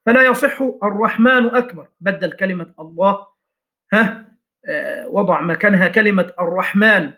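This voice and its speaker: Guy teaching fiqh, highish voice, reads a line then explains it w/ questions n examples. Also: a bit bright. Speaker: teacher of Shafi'i jurisprudence. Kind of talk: classroom lecture explaining a legal text.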